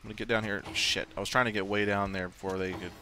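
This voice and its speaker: A man's voice: fairly low pitch, fairly even intonation, fast talker, sharp tone, soft background music. A man giving casual let's-play commentary, thinking aloud and swearing offhandedly. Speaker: gaming video host. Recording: faint game sound behind voice. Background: video game ambience.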